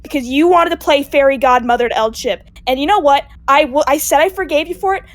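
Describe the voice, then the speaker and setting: Woman as a high-voiced, sharp-tongued young princess, grieving and mocking, dry close mic. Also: fast, no echo, natural voice. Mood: bitter. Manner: sarcastic, accusing, mocking. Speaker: roleplay actor. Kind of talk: Minecraft roleplay acting.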